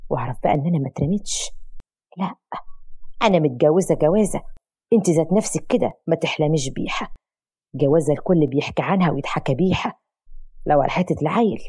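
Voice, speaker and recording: A woman's voice: deep voice, a little mellow, breathy edge, exaggerated voice. A woman with an Egyptian accent voicing a scheming, spiteful young wife who talks sharply and complains. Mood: scornful. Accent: Egyptian Arabic.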